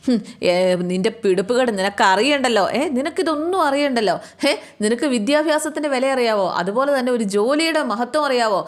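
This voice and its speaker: Brief: woman doing a domineering middle-aged boss lady, scolding and accusing at a raised pitch. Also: expressive, brisk, close to an everyday voice. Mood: angry scolding.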